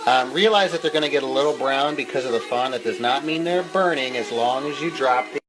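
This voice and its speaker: A chatty home cook with a fairly high-set voice talks through a casual cooking demonstration. The delivery is informal and loose with the odd curse. Music plays behind, along with the sizzle of frying food. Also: fairly quick, low-quality recording. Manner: chatty, casual, mildly profane.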